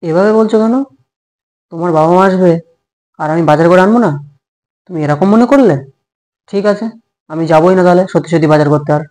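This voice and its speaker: A man playing a short-tempered young husband in a comic home drama, snapping and quick to take offence. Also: high-pitched, a little mellow, lightly acted. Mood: indignant.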